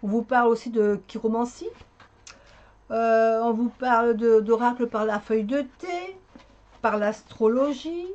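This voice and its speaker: A woman's voice: a little high, a little slow, darkish tone. Chatty woman with a dull lo-fi sound. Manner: chatty, hesitant, many fillers and restarts. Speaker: vlogger. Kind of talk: casual chat.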